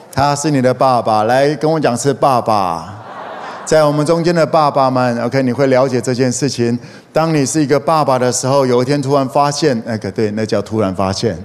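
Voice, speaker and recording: A middle-aged pastor preaches to a congregation in a church hall, telling humorous stories and inviting call-and-response. His mid-range voice moves fairly quickly, and the recording is echoey with faint noise.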